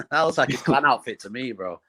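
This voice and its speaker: A man's voice: medium pitch, lively intonation, moderate pace, pushed and bright. A British man in his thirties bantering casually as a guest on a video call. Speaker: battle rapper, guest. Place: room at home, video call.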